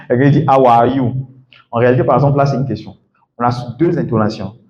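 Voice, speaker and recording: A man coaching a class on English pronunciation in French, animated and acting out example phrases. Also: mid-range voice, brisk. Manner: animated, acts out example phrases, laughs often. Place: classroom or lecture hall. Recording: echoey room, dull lo-fi sound, faint noise.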